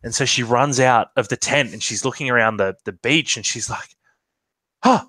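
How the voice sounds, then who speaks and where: A man's voice: medium pitch, brisk, bright, forceful tone, no room sound, low-quality recording. A man narrating his character in a tabletop storytelling game, hesitant with many ums and restarts.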